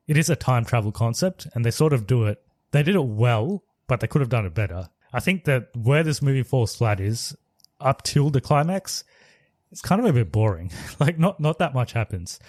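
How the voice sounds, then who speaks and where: In a casual podcast conversation about films, a male co-host hedges, rambles and laughs a lot. His voice sits at medium pitch with a slightly mellow tone. The studio recording is clean, with no room sound.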